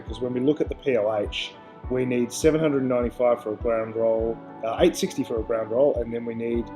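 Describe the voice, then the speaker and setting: A man's voice: medium pitch, a little mellow. A man presenting as a pilot, explaining aircraft details in an informal, instructional way.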